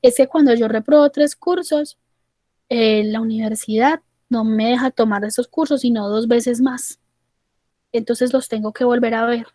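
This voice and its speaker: A woman's voice: a little high, steady tone, normal speed, dark tone, no room sound, close to an everyday voice. A woman quoting an anxious young male student who keeps insisting on the worst case, in a plain, dry recording.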